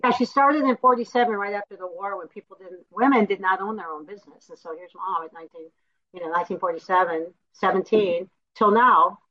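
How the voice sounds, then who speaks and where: A woman in her sixties from Wisconsin talks as an interview guest, chatty and animated as she tells her stories. Her pitch is mid-range, and her audio comes through a bit dull and muffled. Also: fairly quick, a crowd in the background. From Wisconsin, USA. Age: 60s. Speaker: guest, dancer. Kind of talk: interview storytelling.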